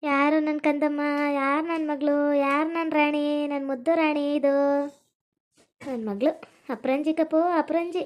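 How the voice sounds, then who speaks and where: A woman's voice: high voice, steady tone, brisk, close to an everyday voice. Woman doing a tender protective village mother. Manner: soothing, firm. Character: weary, tender first-wife mother, stubborn and protective.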